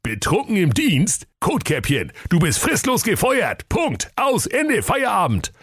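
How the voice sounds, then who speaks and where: A man's voice: medium pitch, sing-song, slightly rough, no room sound, studio quality, pitched above the performer's own voice. A bossy, hot-tempered brother, played by a man. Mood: irritated, bossy. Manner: bossy, shouting, quick to anger. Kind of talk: comic radio fairy-tale acting.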